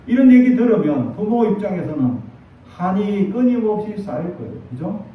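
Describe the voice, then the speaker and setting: A middle-aged man preaching a sermon as pastor, telling stories in an animated way and acting out quotes. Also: high voice, normal speed. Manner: animated storytelling with acted quotes. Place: church sanctuary. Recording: echoey distant, dull church sound.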